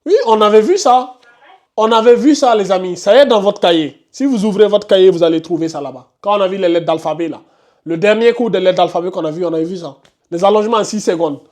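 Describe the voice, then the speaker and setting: A man's voice: high voice, fast, a little mellow. A man teaching a live tajwid class, questioning students by name and insisting they concentrate. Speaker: Quran recitation teacher.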